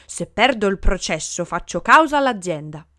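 A woman's voice: mid-range voice, expressive, normal speed, pushed and bright, no echo, clean studio sound. A woman voicing an impatient, indignant middle-aged male lawyer in a storybook reading. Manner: indignant complaining.

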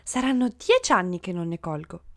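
A woman voicing a cheerful, carefree office lady with high, gleeful exclamations in a storybook reading. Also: very animated, brisk.

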